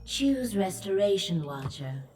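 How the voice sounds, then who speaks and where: An actress playing a regal, motherly sky goddess in a fantasy game, speaking in a solemn, lofty, measured goddess voice. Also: medium pitch, big pitch swings, a little mellow, recorded from a distance, a little hiss or hum, low-quality recording. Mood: solemn, imploring. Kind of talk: fantasy video game voice acting. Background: game music.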